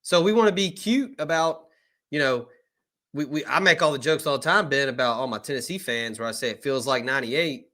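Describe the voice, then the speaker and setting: A man's voice: medium pitch, fairly quick, sharp tone. A man co-hosting a live sports talk stream, giving opinions on recruiting in a casual, conversational way with frequent fillers. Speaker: co-host, recruiting reporter. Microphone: live stream remote setup.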